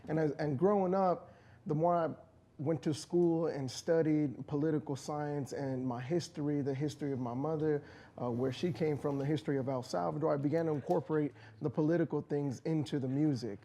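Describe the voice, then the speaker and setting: An American rapper, a guest in a community radio studio, talks earnestly and passionately about his music in casual interview talk, restarting often. His male voice is on the high side, steady in tone, brisk and warm.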